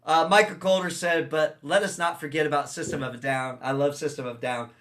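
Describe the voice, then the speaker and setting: A man hosting a casual late-night talk stream in a relaxed way, reading out viewer comments. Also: fairly high pitch, fairly quick. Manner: relaxed, reads viewer chat aloud. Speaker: host.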